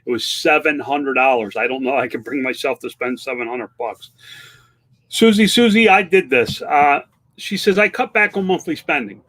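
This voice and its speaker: A man's voice: mid-range voice, lively intonation, normal speed, a bit bright. A man in his fifties chatting candidly on a livestream, rambling through restarts and fillers while answering viewer comments. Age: 50s. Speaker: online seller and livestream host. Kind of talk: casual livestream chat reading viewer comments.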